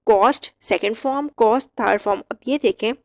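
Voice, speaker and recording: A woman teaching English verb forms, reciting each word slowly and clearly with short explanations. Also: a little high. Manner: slow, drilled word-by-word recitation. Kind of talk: vocabulary lesson.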